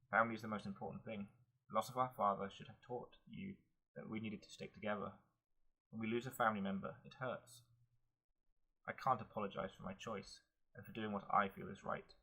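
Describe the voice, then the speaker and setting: A man's voice: fairly low pitch, pushed and bright, poor audio. A man reading the lines of a brother who urgently pleads with his sibling to put family first. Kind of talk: audiobook narration.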